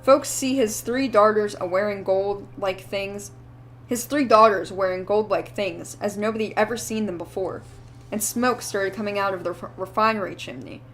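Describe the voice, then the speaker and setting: A woman's voice: mid-range voice, normal speed, a bit bright, natural voice. A woman voicing a wheezy, ranting old drunk man who rambles feverishly in rustic old-timer speech. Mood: rambling. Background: faint background music.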